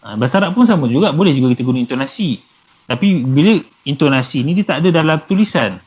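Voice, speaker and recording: Male teacher, patient and repetitive, slightly high voice, muffled lo-fi recording. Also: expressive, fast, a little mellow, breathy edge. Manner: patient, repeats and translates terms, many fillers. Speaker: Arabic grammar teacher. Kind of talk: live class explanation. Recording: dull lo-fi with faint noise.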